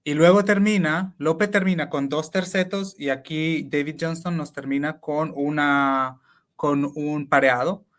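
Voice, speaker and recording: A man with a Honduran Spanish accent speaks as an interview guest, with a somewhat higher voice than most men. He explains things step by step in a reflective, conversational way and restarts his sentences often, like a teacher thinking aloud. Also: fairly even intonation, a little slow, a bit bright.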